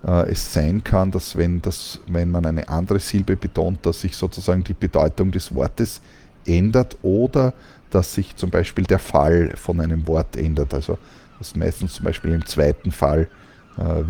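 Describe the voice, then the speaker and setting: Male language teacher, deep and gravelly, calm explanatory delivery. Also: a little hiss or hum. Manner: calm, explanatory, with frequent fillers. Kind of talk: explaining Greek pronunciation.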